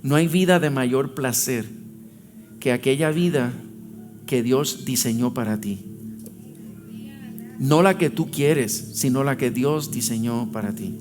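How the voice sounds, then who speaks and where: A man's voice: mid-range voice, slow pace, pauses often. A male pastor preaching emphatically, acting out prayers and punching points with sound effects. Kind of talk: sermon. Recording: loud music playing behind the voice.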